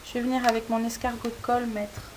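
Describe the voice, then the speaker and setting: Woman craft-tutorial host, slightly high voice, hesitant talk full of fillers, steady hiss in the recording. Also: fast. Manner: hesitant, frequent "euh" fillers while working. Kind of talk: step-by-step demonstration.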